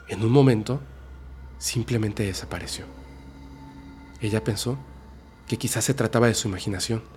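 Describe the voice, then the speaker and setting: A man hosting a podcast, narrating a horror story in a slow, dramatic way that drops soft for suspense. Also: on the low side, slight background noise. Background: faint music.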